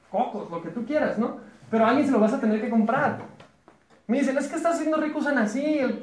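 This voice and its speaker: Brief: high-voiced Mexican man presenting a business opportunity in an echoey meeting room, chatty and joking. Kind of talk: live sales presentation to a small group. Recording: roomy echo.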